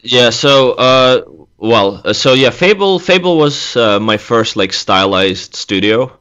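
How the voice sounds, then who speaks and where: A man in his thirties from Latvia, a guest artist chatting casually in an interview, relaxed and laughing easily. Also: mid-range voice, takes it slowly, clean tone, lo-fi sound. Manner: relaxed, laughs easily, speaks in loose restarts. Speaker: guest, senior environment artist.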